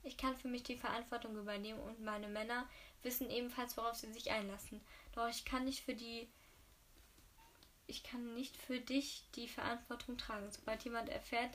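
A woman's voice: a little high, little pitch movement, moderate pace, a bit bright, natural voice. A woman reading as a gangster hotel owner. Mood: grave. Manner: read aloud with slips and restarts. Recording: distant mic with faint hiss.

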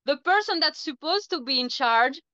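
Bright-voiced Chilean-born woman co-host. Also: high voice, normal speed, dry recording, lo-fi sound. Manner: animated, acts out dogs' thoughts in asides. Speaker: dog trainer, podcast co-host. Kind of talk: casual chat.

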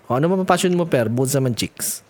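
A man's voice: mid-range voice, animated, fast talker. A man co-hosting a casual podcast, joking and swearing freely and laughing often. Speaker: podcast co-host.

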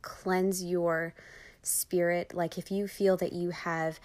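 Young woman podcast host, Long Island accent, casual and rambling, slightly low voice. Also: level tone, slow. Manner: chatty, lots of fillers like "um" and "like".

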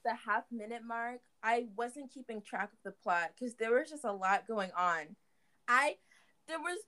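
A woman's voice: fairly high pitch, bright, forceful tone. A young adult woman in a casual, playful chat about a movie. She laughs often.

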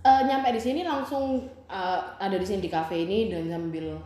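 Woman co-host, mid-range voice, casual and quick to echo answers, strong room reverberation. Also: mid-range voice, warm tone. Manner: echoes and repeats the guest's answers. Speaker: interviewer, co-host. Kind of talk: casual chatty interview. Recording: very echoey room.

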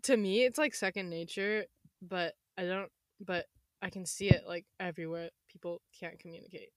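Young woman, slightly hoarse, lowish and dry. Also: fairly even intonation, moderate pace, no room sound. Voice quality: slightly hoarse, losing her voice. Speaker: podcast host. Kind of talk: casual chat.

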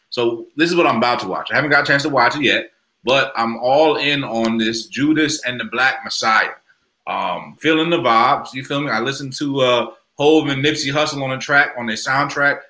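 A man's voice: mid-range voice, pushed and bright. A man chatting casually on a panel, full of loose, casual street slang. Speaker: podcast panelist. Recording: roomy, echoing space.

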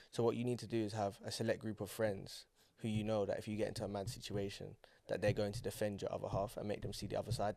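A man's voice: lowish voice, vocal fry, a little mellow, dry recording. A young man with a London roadman accent explaining his views in slangy, casual podcast talk. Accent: London, urban roadman slang. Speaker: podcast co-host. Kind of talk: casual chat.

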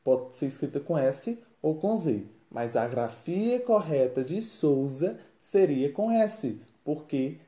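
A teacher explains grammar, stepping through examples and rhetorical questions. The voice is mellow and swings up and down in pitch. It sounds roomy, with a clear echo. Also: big pitch swings, slow, few pauses. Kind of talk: grammar lesson.

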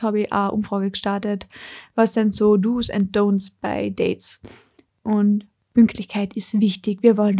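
A woman's voice: medium pitch, darkish tone. A woman with an Austrian accent hosting her own podcast, chatting casually and telling stories in which she acts out her own thoughts. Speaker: podcast host. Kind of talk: casual solo podcast chat.

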